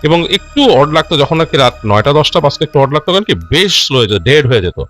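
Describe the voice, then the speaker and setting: Narrating a ghost story a listener submitted, the host speaks in a casual, expressive way with music underneath. His delivery is halting and self-correcting, looping back to rephrase things, and he sprinkles in English words.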